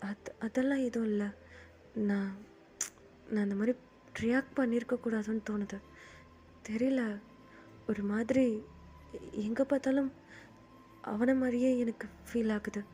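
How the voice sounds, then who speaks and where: A woman's voice: on the high side, fairly even intonation, warm tone, slight background noise, natural voice. A woman voicing a lovesick young man who cries and stammers as he speaks. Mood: tearful. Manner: halting, stammering, crying.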